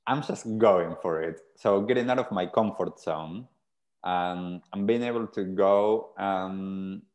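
A man in his thirties from Argentina speaks with a very low voice. He tells his story in an earnest, reflective way, as a guest on a video-call interview. The sound comes through small earphone mics in a small room. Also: slow pace, darkish tone. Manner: earnest, reflective, gestures while talking. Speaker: podcast guest. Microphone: earphone headset on a video call.

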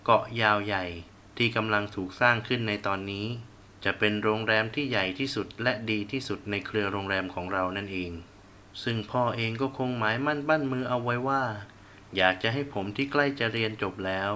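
A man reading a first-person romance novel aloud with a bright, clear voice in an even, storytelling pace. The delivery is steady and scripted, with a faint hiss of noise underneath. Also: lowish voice, fairly quick. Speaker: audiobook narrator.

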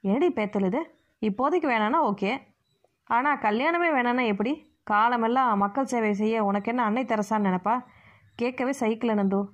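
A woman's voice: fairly high pitch, moderate pace, lightly acted. A woman voicing a bossy middle-aged aunt who scolds and lectures, recorded muffled and lo-fi. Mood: lecturing.

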